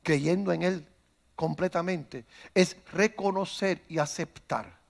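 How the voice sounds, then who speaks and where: A man, a pastor preaching a sermon who starts calm and builds to loud, fervent preaching, acting out stories along the way. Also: high-pitched, slow pace, creaky. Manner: tells stories, acts out quoted voices. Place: church.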